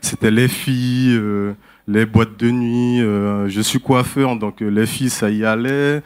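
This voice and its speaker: A man speaks in a candid, conversational way, pausing often as he gives a personal testimony. His voice sits at an ordinary middle pitch for a man, and the setting is a church service. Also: steady tone, smooth. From French Guiana.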